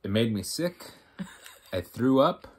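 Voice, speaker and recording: A man co-hosting a casual snack review, talking in a halting, rambling way and admitting he mumbles. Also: mid-range voice, big pitch swings, darkish tone, breathy edge. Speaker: co-host tasting food.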